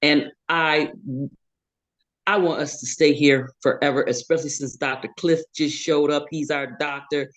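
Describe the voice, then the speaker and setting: A woman's voice: sits low, fairly even intonation, unhurried. A woman hosting an online event, welcoming guests in casual chat over a faltering mic.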